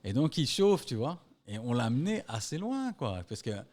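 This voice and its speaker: A man's voice: medium pitch, sing-song, normal speed, darkish tone. A man telling anecdotes in a loose, casual chat, swearing freely and imitating other people. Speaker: podcast co-host.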